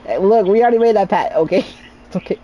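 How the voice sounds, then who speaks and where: A woman's voice: medium pitch, expressive, fast, mellow, muffled recording, a little hiss or hum. A young woman streaming a video game, chatting casually, giggling often and breaking into sing-song bits. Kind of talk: casual gaming chat.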